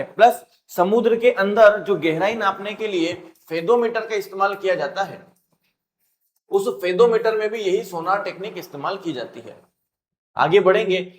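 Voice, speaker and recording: A man teaching a rapid-fire exam revision lesson, playful and animated, acting out sounds and student lines. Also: sits high, roomy sound.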